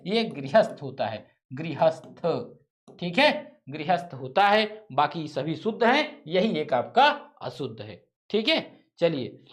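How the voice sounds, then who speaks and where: A man's voice: fairly high pitch, big pitch swings, slow pace. A male teacher running a live online exam-prep lesson, quizzing viewers and cracking teasing jokes between questions.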